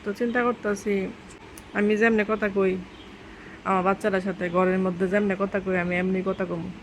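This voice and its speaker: A woman's voice: medium pitch, little pitch movement, normal speed, a little hiss or hum. A woman vlogger with a rural Bangladeshi dialect, chatting to her viewers outdoors in a homely, rambling way. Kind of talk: casual chat to viewers. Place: outdoors near birds.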